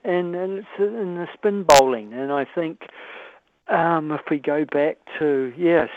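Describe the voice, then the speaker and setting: Over a dry, tinny phone line, a man with a New Zealand accent calls in to a talkback radio show for a casual chat. His voice is a little high with no room sound, and he speaks hesitantly, filling pauses often.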